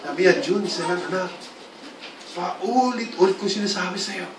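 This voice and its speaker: A male pastor giving a lively church sermon, often calling out for the congregation's response. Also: high voice, normal speed, a little hiss or hum. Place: church hall. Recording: roomy hall, distant mic, congregation sounds.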